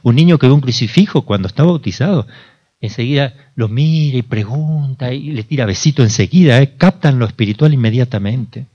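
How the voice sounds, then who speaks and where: Un sacerdote de Argentina que da una plática informal, le hace preguntas al público y recrea diálogos. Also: male voice, medium pitch, expressive, brisk, mellow, muffled recording. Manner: conversational, asks the audience questions, acts out dialogues. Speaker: priest. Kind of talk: informal sermon talk.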